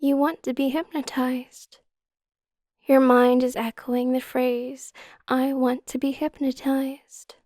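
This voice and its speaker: A woman guiding a hypnotic induction in a slow, soothing hypnotist manner, with a soft, breathy, half-whispered ASMR delivery. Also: high-pitched, level tone, no room sound, studio quality. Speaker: hypnotist guide.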